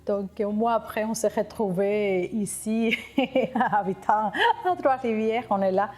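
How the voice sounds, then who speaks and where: A middle-aged woman from Cuba, speaking French, telling her immigration story in an interview, reflective and halting with frequent restarts. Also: mid-range voice, steady tone, darkish tone. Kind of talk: personal testimony interview.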